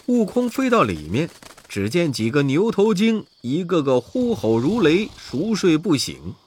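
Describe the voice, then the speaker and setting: Slow, expressive male storyteller. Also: fairly high pitch, breathy edge. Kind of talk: children's story narration.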